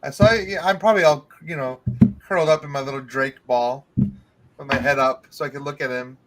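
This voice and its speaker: A man's voice: mid-range voice, fairly even intonation, brisk, poor audio. A man playing a tabletop role-playing game, talking casually with hesitant, conversational phrasing. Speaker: player.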